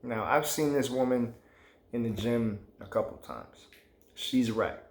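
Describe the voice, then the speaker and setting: Guy ranting on his vlog, mid pitch, emphatic and rambling, lots of slang, echoey room. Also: unhurried, a little mellow, a little hiss or hum. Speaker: vlogger. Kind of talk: casual opinion rant.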